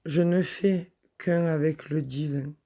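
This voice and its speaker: A man leads a guided meditation, calmly repeating affirmations. His voice is dark, breathy and mellow, and it stays flat and even. He speaks slowly and softly. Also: on the high side. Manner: slow, soft, repetitive affirmations.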